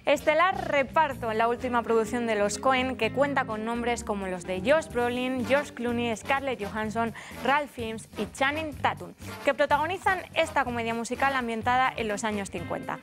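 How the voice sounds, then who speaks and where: A woman's voice: fairly high pitch, animated, normal speed, over music. A young woman presenting a scripted film programme. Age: young adult. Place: TV studio.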